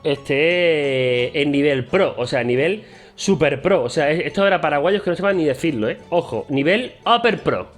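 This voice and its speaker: A man from Spain with a Spain Spanish accent talks straight to camera in a loose, chatty vlog. His voice sits high for a man, and his tone is playful and self-mocking. Faint guitar music plays behind him. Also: expressive, moderate pace. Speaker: vlogger. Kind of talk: casual chat to camera.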